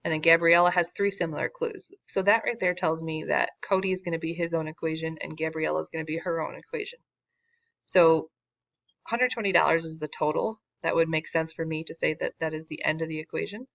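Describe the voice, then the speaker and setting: Fairly quick and low, with vocal fry, fairly even intonation and a fairly bright tone, a woman math teacher steps through a word problem in a recorded lesson. Though losing her voice, she keeps it casual, self-deprecating and full of wry asides, on a dry, dull lo-fi recording.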